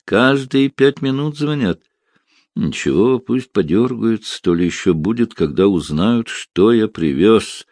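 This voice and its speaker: A sly, unflappable businessman , as a male audiobook reader puts him on, coaxing and gentle. His low voice rises and falls freely over a dry, close sound. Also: expressive, measured pace, no echo. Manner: soft, coaxing.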